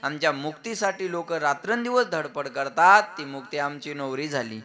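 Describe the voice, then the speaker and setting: A man delivers a kirtan sermon in a high, ringing voice. He calls on the listeners to answer him. Now and then he slows down to chant a verse. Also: pushed and bright. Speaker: kirtan preacher. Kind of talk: devotional sermon with audience call-and-response.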